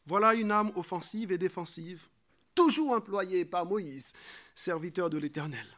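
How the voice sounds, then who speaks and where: A man's voice: lively intonation, unhurried, a bit bright. A man preaching a sermon, earnest and exhortative, often tagging phrases with a questioning "hein" and lifting his voice to stress key points. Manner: earnest preaching, rises in pitch and volume for emphasis; frequent filler "hein".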